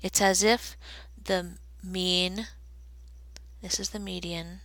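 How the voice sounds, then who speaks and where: A woman explains a recorded statistics lesson step by step, slow and deliberate, while drawing graphs. Her fairly low voice stays steady and a bit bright. There's no echo, but the recording is rough.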